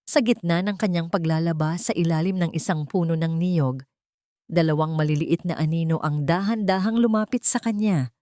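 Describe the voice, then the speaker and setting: A woman with a fairly low, slightly mellow voice narrates a dramatic audiobook story. The recording is dry and close, with little room sound and no echo.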